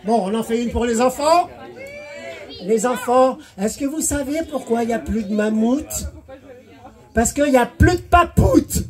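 A man performing a live clown comedy show, shouting and laughing at his own jokes. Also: extremely high pitch, expressive, a little slow, crowd noise.

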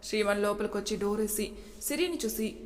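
A woman storyteller narrating a serialized family drama in a steady, plain reading voice. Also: mid-range voice, fairly quick, big-room sound.

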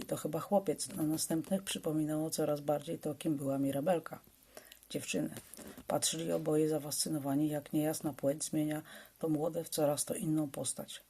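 A woman reading an adult story aloud in a plain, measured way with small hesitations. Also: low-pitched, steady tone, dark tone, slight background noise.

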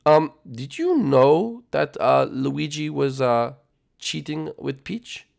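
Casting: lovesick chef, a man putting it on, anxious and fretful, animated swings in pitch, amateur comedy skit. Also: slow, creaky, heavily acted. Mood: awkward, consoling.

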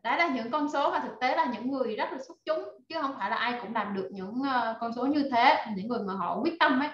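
A woman leads a live online class, energetic and full of fillers as she rallies her students. Her voice sits fairly high, and the call audio is roomy and dull. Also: fast. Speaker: online course instructor.

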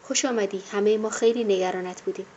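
A woman narrator voicing a calm, patient hospital doctor in a reassuring tone. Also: mid-range voice, lightly acted. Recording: dull lo-fi audio with faint hiss.

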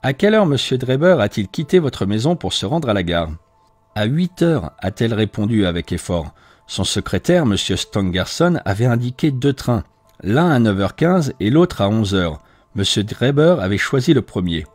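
A man's voice: on the low side, sing-song, moderate pace, a little mellow, no room sound, soft background music. A man voicing a proud, boastful police detective recounting his inquiry. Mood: probing. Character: confident male police detective, middle-aged, boastful.

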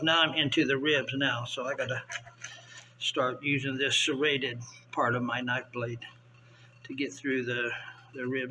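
An older man talks his way through filleting fish, thinking out loud in an easygoing way. His voice is bright and a little forceful. A faint hiss of room noise sits under the camera-mic sound. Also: medium pitch, poor audio. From US South. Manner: relaxed, chatty, thinking aloud while filleting fish. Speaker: vlogger. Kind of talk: casual how-to narration. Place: indoor tiled kitchen counter.

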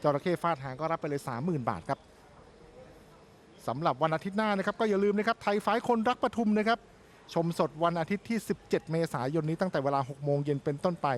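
A man's voice: a little high, animated, fast. A man commentating on boxing for television, moving between fight talk and promotional reads. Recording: music behind the voice. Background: music.

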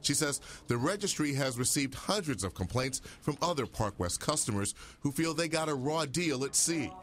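A man reporting a news story in a measured, scripted narration style. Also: mid-range voice. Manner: measured, even reporting delivery.

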